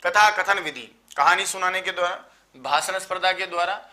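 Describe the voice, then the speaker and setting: A man, tired after just waking up, teaching a live online exam-prep lecture and listing terms in quick runs. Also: high-pitched, sharp tone. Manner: explanatory, lists terms in quick runs, addresses students as sir.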